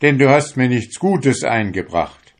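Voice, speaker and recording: A man's voice: mid-range voice, animated, unhurried, pitched above the performer's own voice, natural voice. A man voicing an anguished, defiant young fisherman in a storybook reading, crying out and accusing. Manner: cries out, pleading and accusing.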